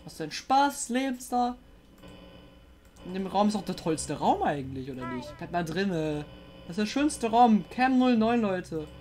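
A woman playing a horror game and commenting, jumpy and excitable, often swearing and coaxing the monster on screen. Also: medium pitch, moderate pace. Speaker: let's player.

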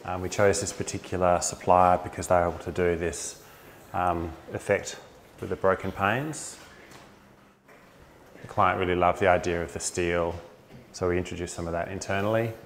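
A man's voice: low voice, fairly even intonation, moderate pace, slight background noise. An enthusiastic Australian architect in his forties, walking through a house with a clip-on mic and talking casually with plenty of fillers. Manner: enthusiastic, upbeat, with frequent fillers. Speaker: architect giving a house tour. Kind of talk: casual walkthrough narration. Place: inside and around a large suburban house.

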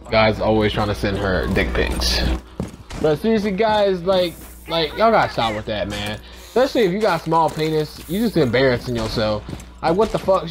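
A young man talking casually to his channel's viewers in a rambling, profane way, then calling out gameplay. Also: medium pitch. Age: young adult. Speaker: YouTuber. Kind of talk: casual vlog and gameplay commentary.

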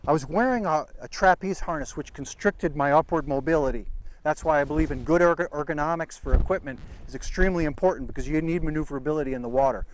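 A middle-aged man teaches on a sailboat deck out at sea, recorded by a camera a few feet away. His voice sits a little high for a man, and he talks in an earnest, deliberate, emphatic way, like a seasoned instructor. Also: rough recording. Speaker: sailing instructor.

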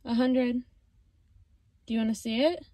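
A soft-spoken woman doing a casual ASMR pretend drive, talking straight to the viewer on a phone inside a car. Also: fairly high pitch, steady tone, unhurried. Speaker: video creator hosting a pretend drive. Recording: noisy handheld phone recording, clicks.

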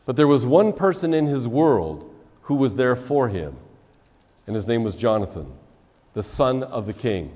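A man in his sixties preaching a measured wedding sermon as officiant, his phrases dropping softly at their ends, in a church sanctuary. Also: medium pitch, very animated. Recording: long church reverb.

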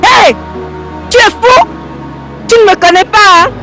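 A woman's voice: high voice, lively intonation, normal speed, music in the background. An actress playing an arrogant young woman who bullies a street vendor. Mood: arrogant scolding. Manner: scolding, arrogant. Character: haughty young woman, bossy and scornful.

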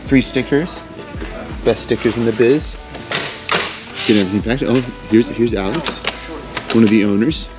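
A man's voice: mid-range voice, normal speed, long pauses, over music. A man in his thirties hosting a casual, upbeat walk-through tour of a large warehouse on a lapel mic. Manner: upbeat, enthusiastic. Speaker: vlog host.

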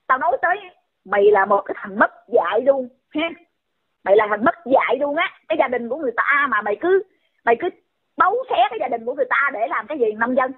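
Woman, scolding rant, high pitch, husky, phone-line sound. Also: expressive. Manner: scolding, insulting, rapid repeated questions. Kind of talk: heated call-out rant. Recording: tinny phone-line audio.

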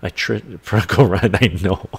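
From a home room crowded with bookshelves, an older livestream host chats into the desk mic in front of him, reading out viewer comments with a chuckle as he rambles. His voice is low, husky and fry-tinged at a normal speed, and his chest sounds congested.

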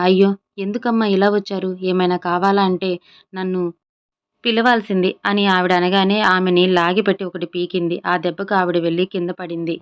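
A woman narrates a serialized romance story in a steady, even voice. Her tone stays smooth and clear, with little rise or fall. The audio is a bit dull and muffled. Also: on the low side.

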